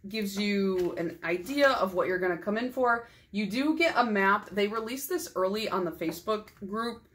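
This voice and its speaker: A woman's voice: mid-range voice, lively intonation, normal speed, a bit bright. A young adult woman chatting casually in a haul vlog, tired and losing her voice, chatty and self-deprecating with frequent laughs. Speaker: nail polish YouTuber.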